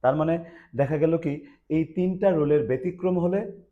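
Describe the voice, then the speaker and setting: A man explaining English spelling rules, lively and emphatic, with frequent hesitation fillers. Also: a little high, moderate pace. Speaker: English teacher. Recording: dull lo-fi recording.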